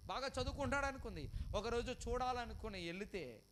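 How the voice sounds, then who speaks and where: A man preaching an emotional storytelling sermon. He repeats phrases, asks the congregation questions, and swings from loud cries to hushed lines. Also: very high voice, expressive, a little fast, slight background noise.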